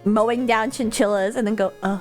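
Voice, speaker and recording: A young woman VTuber chatting casually with her livestream viewers in a cute, playful, animated anime-streamer manner, talking nonstop. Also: a little high, brisk. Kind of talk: casual livestream chat, reading and answering viewers' messages. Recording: music playing behind the voice. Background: music.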